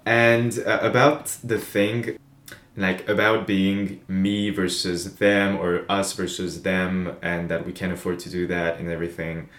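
A man's voice: sits low, a little slow. A young man from France with a French accent, co-hosting a podcast in casual, chatty talk. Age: young adult. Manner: relaxed, chatty, laughs easily. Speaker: podcast co-host. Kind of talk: casual chat. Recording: echoey room.

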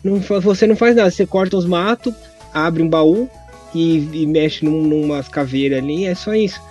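A man's voice: on the high side, moderate pace, a little mellow, dull audio, soft background music. A man hosting a podcast, telling stories in a chatty, easily amused way. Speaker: podcast host. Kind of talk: casual podcast chat.

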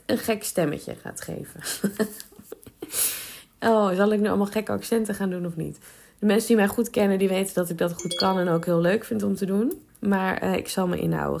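A woman coach talks through advice in a relaxed podcast monologue. Her voice has a gravelly, fry-tinged edge and sits at a middle pitch. She laughs easily and fills pauses with ums. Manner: chatty, laughs often, many fillers.

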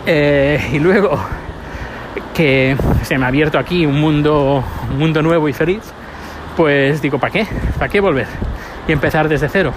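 A man from Spain with a Spanish accent, hosting a casual spoken diary and rambling with restarts as he walks outdoors. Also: a little high. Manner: chatty, rambling, with frequent restarts. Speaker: podcast host. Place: outdoors on a city street, walking. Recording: street noise while walking.

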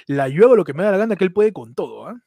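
A man co-hosts a loose, joking chat, telling stories in an exaggerated, animated way. His voice sits high and swings widely in pitch. The sound is close and dry, with no room around it. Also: very fast, gravelly, no echo. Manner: jokey, exaggerated, animated storytelling. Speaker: podcast co-host. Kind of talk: casual chat.

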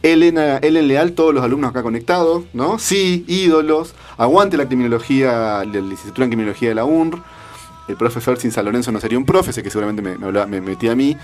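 A man's voice: medium pitch, fast. A man hosting a casual radio show, chatty and joking as he reads out listener messages. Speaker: radio host and criminology lecturer.

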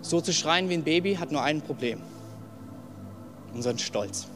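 A young man delivers a sermon in a fairly high voice, speaking in a personal, emphatic way. He sinks to near-whispers and then builds back up. His voice rings with long hall reverb over faint background music. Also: animated, moderate pace. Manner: emphatic and personal, swinging from soft to loud. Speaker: preacher.

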